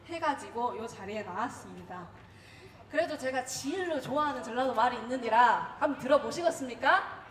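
A young woman from Gwangju with a Jeolla dialect, giving a lively, chatty comic speech at a dialect contest. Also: on the high side, a little fast. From Gwangju, Korea. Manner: lively, chatty, acts out quotes. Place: large echoey hall. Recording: echoey hall recording.

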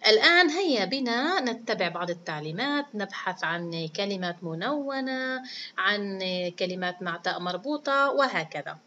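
A woman's voice: medium pitch, expressive, normal speed, pushed and bright, muffled recording, a little hiss or hum. A woman teaching a children's reading lesson, praising them often and stretching words out syllable by syllable. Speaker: primary school teacher.

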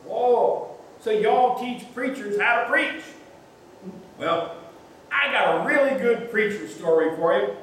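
A man's voice: high voice, lively intonation, slow, a bit bright, a little hiss or hum, voice pushed up, exaggerated voice. A man voicing a friendly, chatty gray-haired Tennessee man with a Southern drawl, telling a story in a folksy way. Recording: echoey church from a distance.

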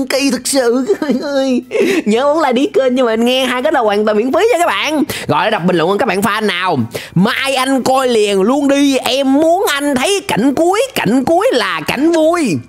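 A young adult man with a southern Vietnamese accent hosts a reaction video, offering playful, exclamatory, chatty commentary into a close desk microphone with a headset. His voice is very high-pitched and animated, at normal speed with hardly any pauses.

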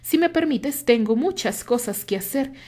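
A woman's voice: high voice, lively intonation, moderate pace, darkish tone, pitched above the performer's own voice. A woman voicing a self-assured man who talks firmly and cuttingly. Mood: scornful. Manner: firm, cutting delivery. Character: self-assured man, firm and mocking rival.

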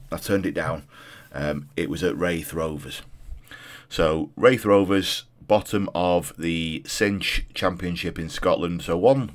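This video host, a man in his thirties, has a cold that leaves his low voice throaty and congested. He chats casually while gaming, repeating phrases for emphasis.

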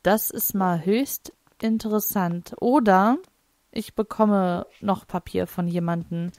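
A woman's voice: medium pitch, slow, a little mellow, no room sound. A woman casually commenting on her own gameplay. She thinks aloud, laughs a lot and makes wry, teasing remarks. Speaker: let's play host.

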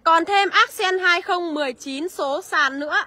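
A woman selling used cars on a live walkaround, listing prices briskly and calling out to viewers by name. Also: very high-pitched, pushed and bright, dry recording. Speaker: used car seller.

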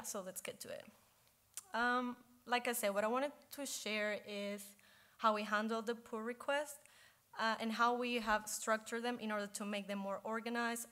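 A woman's voice: mid-range voice, fairly bright tone. A woman in her thirties giving an informal lightning talk on stage, conversational and casual. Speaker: software engineer, conference speaker. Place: conference stage in a hall.

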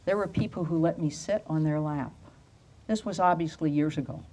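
An older woman preaches at an outdoor lectern, holding a microphone close. She tells simple stories in a plain conversational way. She slows deliberately on the phrases she wants to land. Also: low voice, warm tone. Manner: storytelling sermon with slowed emphatic phrases. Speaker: pastor. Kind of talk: sermon. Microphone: handheld microphone.

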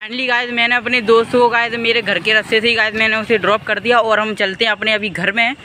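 A teenage boy with a Hindi accent vlogs casually, his voice high, level, fast and sharp, with slight background noise. He films on a phone camera held at arm's length, at home and outdoors on a motorbike, chatting away and constantly saying "guys."

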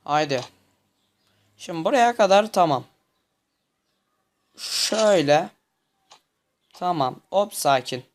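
A man's voice: high voice, lively intonation, takes it slowly, long pauses. A young man commenting on a game he is playing, muttering to himself, tense and easily frustrated. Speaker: gameplay commentator. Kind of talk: gameplay commentary.

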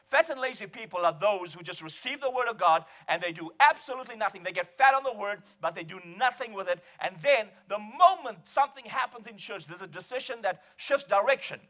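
A man's voice: sits high, expressive, brisk, hardly any pauses, sharp tone. A man preaching a sermon to a congregation, emphatic and calling for responses. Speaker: pastor. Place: church hall with a congregation.

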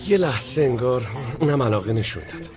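A man plays a fretful rich young heir who keeps scolding himself. He has an ordinary mid-pitched voice over faint music. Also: animated, natural voice. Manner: brooding, self-reproaching. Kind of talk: Persian drama dubbing.

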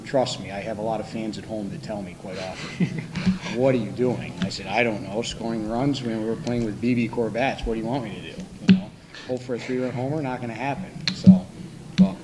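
A man's voice: fairly low pitch, a little fast, a loud crowd, poor audio. An older man coaching college baseball, answering at a postgame press conference in a candid, rambling way with dry humor. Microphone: table microphone.

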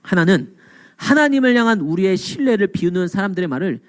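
A man preaching a sermon as pastor, blunt and colloquial, swinging from low murmurs to raised, emphatic cries. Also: very animated, fast.

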